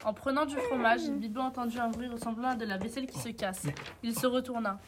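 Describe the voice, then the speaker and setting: Une femme lit un conte à voix haute, avec une lecture vivante et dramatique. Sa voix est assez aiguë, et on entend un léger souffle et quelques clics derrière elle. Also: female voice, on the high side, brisk, noisy background. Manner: expressive, dramatic reading. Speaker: narrator. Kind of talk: storybook narration.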